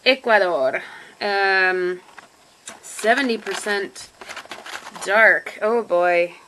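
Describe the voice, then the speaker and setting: A woman's voice: mid-range voice, very slow, pushed and bright, a little hiss or hum, rough recording. A woman chatting casually to camera in a home vlog, self-deprecating and talking while she eats. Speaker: vlogger. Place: home room with computer.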